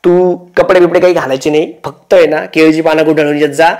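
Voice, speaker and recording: A man's voice: on the high side, fairly even intonation, fast, darkish tone. A man hosting a comic roast, teasing and mocking the people in the clips he reacts to. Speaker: roast host.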